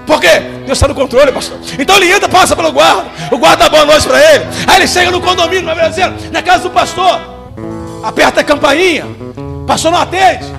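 A man with a Brazilian accent preaching a sermon, telling a story fervently and often shouting. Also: extremely high pitch, fast, gravelly, faint music behind.

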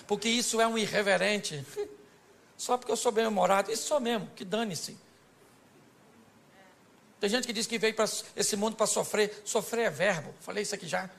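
A pastor with a high, creaky, fairly bright voice delivers a humorous sermon to his church congregation. He's extroverted and joking, and he acts out different voices as he preaches.

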